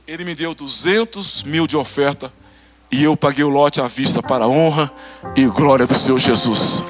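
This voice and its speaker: A man's voice: mid-range voice, normal speed, faint music behind. A Brazilian pastor preaching a testimony sermon, acting out conversations and laughing as he tells it. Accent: Brazilian Portuguese. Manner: animated, acts out dialogue, laughs.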